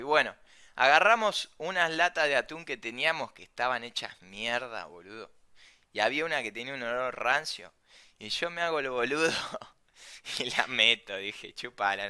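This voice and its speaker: A young man with a Rioplatense Spanish accent casually telling a travel anecdote, slangy and animated, swearing freely. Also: medium pitch, clear, resonant tone. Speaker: storyteller.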